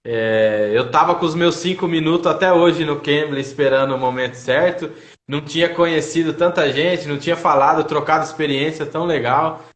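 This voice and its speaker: A man's voice: on the high side, brisk, a bit bright. A man hosting a live stream, telling anecdotes casually with hesitant fillers and tag questions. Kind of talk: casual chat. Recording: roomy home echo.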